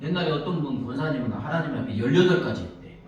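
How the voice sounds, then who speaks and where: Speaking fast in a fairly high, animated, slightly mellow voice, a male pastor delivers a Sunday sermon, dramatizing pleading prayers and questioning the congregation. Captured in an echoey church sanctuary from a distant mic, the recording sounds muffled.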